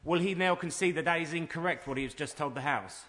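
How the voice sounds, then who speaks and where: A man's voice: a little high, fast talker, a bit bright. Man challenging in heated parliamentary debate, reverberant hall. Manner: formal, polite but challenging. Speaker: member of parliament. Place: large debating chamber.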